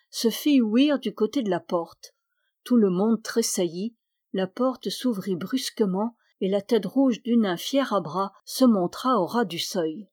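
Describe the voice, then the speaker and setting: A woman narrating a historical novel aloud in a measured, expressive reading. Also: medium pitch, no room sound, studio quality. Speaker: audiobook reader.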